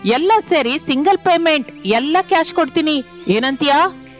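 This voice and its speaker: An arrogant rich builder from a cartoon story, voiced by a woman with a mocking, condescending tone. The pitch stays high for a man, and faint music plays beneath. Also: expressive, normal speed.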